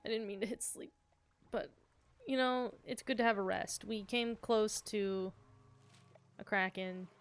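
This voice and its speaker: A woman's voice: fairly high pitch, steady tone, measured pace, faint music behind. A woman giving casual, chatty commentary while streaming a game, with a playful way of talking.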